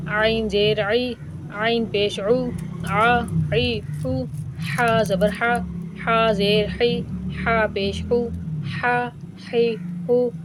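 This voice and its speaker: A woman's voice: a little high, slight background noise. Patient woman chanting letter drills. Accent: Pakistani Urdu. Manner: patient, explains rules briefly then drills each letter in a measured chant. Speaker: Quran reading teacher. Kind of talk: slow syllable-by-syllable recitation lesson.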